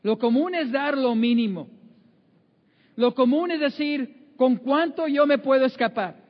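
Guy preaching a sermon, really high voice, kinda muffled, lots of "este" fillers. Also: unhurried. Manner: conversational, many fillers, acts out inner voices. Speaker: pastor. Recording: muffled sound in a reverberant hall.

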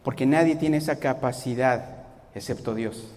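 A man preaching a sermon in an animated way, acting out the voices of the people he quotes. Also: mid-range voice, moderate pace, long reverb tail.

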